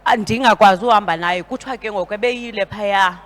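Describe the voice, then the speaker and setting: A woman's voice: medium pitch, fast, fairly bright tone. A woman with a Xhosa accent telling her story spontaneously as a church visitor giving testimony.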